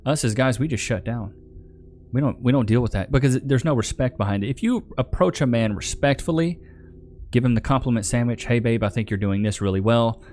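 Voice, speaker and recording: With a medium-pitched, darkish voice and a brisk pace, a man hosts a reaction video, talking over clips in emphatic, casual slang like a streamer. Slight background noise is present.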